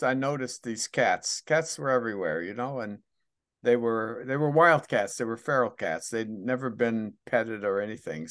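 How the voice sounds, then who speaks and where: A man's voice: mid-range voice, a bit bright. Friendly male interviewer, casual questions. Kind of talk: oral history interview.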